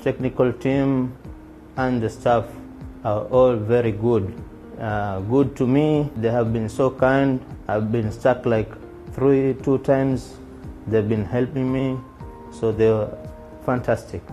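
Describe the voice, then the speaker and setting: Mellow-voiced man, halting testimonial. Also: mid-range voice, fairly even intonation, poor audio. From Kenya. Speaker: training course participant. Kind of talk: interview testimonial. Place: indoor studio with grey backdrop. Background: music bed.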